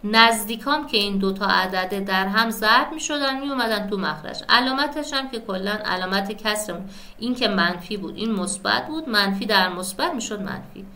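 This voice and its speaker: A woman's voice: mid-range voice, expressive, bright, forceful tone. A woman teaching a math lesson step by step, often checking in with her students by asking "right?". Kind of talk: step-by-step classroom explanation.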